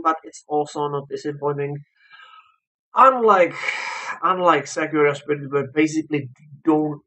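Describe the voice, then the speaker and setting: This non-native English-speaking man reviews a game casually and without a script, speaking haltingly and often repeating or rephrasing himself. His pitch is fairly high and his tone fairly bright, and the recording is rough.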